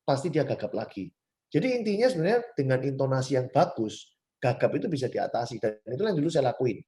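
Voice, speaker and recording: A man in his forties from Surabaya shares his life story with viewers. His voice is mellow and warm, and he talks quickly and chattily. He stresses key words with sharp rises and keeps speaking to his listeners directly. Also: medium pitch. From Surabaya, Indonesia. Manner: self-described fast, chatty talker. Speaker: motivational speaker. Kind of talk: personal story talk to viewers.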